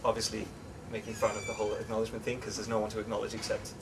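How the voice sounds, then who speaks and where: A young man chats easily as an interview guest, with plenty of fillers and restarts. He sits some way from the mic. Steady background noise runs under his voice. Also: fairly low pitch, racing, far from the mic. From England, raised in the Netherlands. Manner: relaxed, chatty, many fillers and restarts. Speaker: interview guest, English teacher. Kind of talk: casual interview chat.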